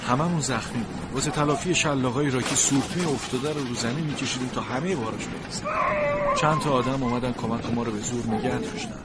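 A man narrates a storybook from a sled dog's point of view, in an expressive, plaintive way. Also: medium pitch, heavy background noise.

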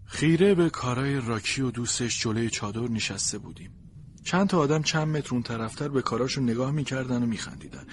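With a medium-pitched voice and slight background noise, a man narrates a storybook told from a sled dog's point of view, reading it expressively and plaintively.

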